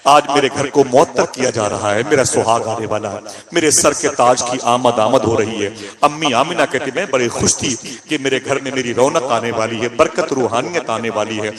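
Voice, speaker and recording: A man's voice: mid-range voice, moderate pace, few pauses, crowd noise. A man preaching a dramatic storytelling sermon, voicing grief and quoted speech.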